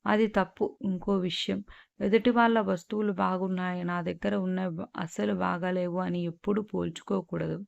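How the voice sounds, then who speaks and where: A patient, gently lecturing mother from a storybook tale, as a woman reader puts her on. Her voice is low, smooth and faintly gravelly. The sound is close and dry, on a dull lo-fi recording. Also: a little fast, no room sound. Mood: instructive. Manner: calm, lecturing.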